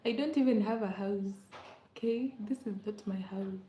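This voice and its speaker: Chatting with livestream viewers at a normal speed, a young Kenyan woman has a mellow, mid-range voice and frequently laughs and repeats herself. The recording, made on a laptop mic in a rented room at home, sounds echoey, dull and lo-fi.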